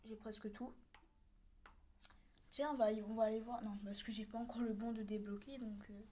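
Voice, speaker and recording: A young woman casually commentating her own pet game, cheering loudly at her virtual dog and swearing when she loses. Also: fairly high pitch, steady tone, normal speed. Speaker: gaming vlogger.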